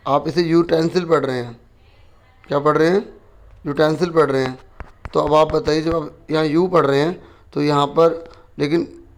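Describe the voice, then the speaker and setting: A man, a teacher patiently explaining a school worksheet, asking questions and answering them himself. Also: a little high.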